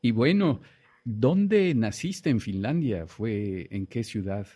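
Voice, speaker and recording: A man hosting a radio interview, effusive with praise and quick to add follow-up questions. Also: fairly low pitch, lively intonation, dark tone. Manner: effusive, complimentary, talks over the guest with follow-up questions. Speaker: interview host.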